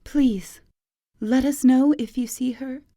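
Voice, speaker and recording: A woman voicing an anxious, gentle cat mother with a soft, pleading manner. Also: sits high, steady tone, takes it slowly, no echo, clean studio sound, voice pushed up.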